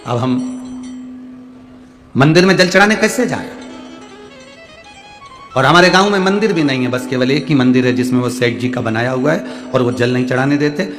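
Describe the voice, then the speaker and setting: A man's voice: mid-range voice, moderate pace, long pauses, a bit bright, soft background music. A male preacher from central India gives a devotional sermon to a live crowd on a stage mic. He answers listeners' letters with homely examples and urges the crowd to call back. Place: large outdoor stadium gathering.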